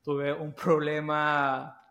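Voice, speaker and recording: Even-toned man, halting casual talk. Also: fairly high pitch. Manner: halting, repeats words as he goes. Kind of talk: casual chat.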